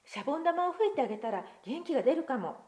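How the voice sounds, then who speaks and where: A woman reading aloud as a kind young schoolgirl, speaking softly and coaxingly in a higher voice. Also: big pitch swings, fast talker. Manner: soft coaxing.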